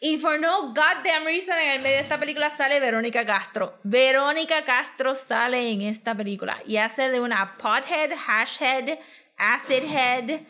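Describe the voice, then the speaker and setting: Bright-voiced chatty woman. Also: sits high, moderate pace. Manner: chatty, mixes in English words, frequent fillers and laughs. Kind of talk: casual chat, film recap.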